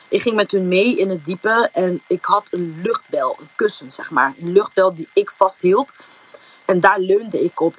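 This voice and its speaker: A woman's voice: lowish voice, slightly rough. A young woman from the Netherlands telling a personal faith testimony in a casual, rambling way, with many fillers. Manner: informal, many fillers like "zeg maar", retells thoughts as quotes. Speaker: giving a testimony.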